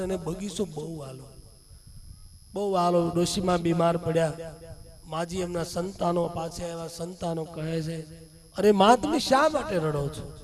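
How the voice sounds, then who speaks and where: High-voiced man preaching a katha. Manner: rises and falls dramatically, calling the audience dear ones. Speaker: religious storyteller. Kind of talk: devotional katha sermon.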